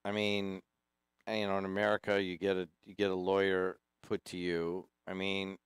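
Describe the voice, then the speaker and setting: Smooth, low-voiced talk radio host. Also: male voice, monotone, moderate pace, no echo, studio quality. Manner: chatty, reads listener texts.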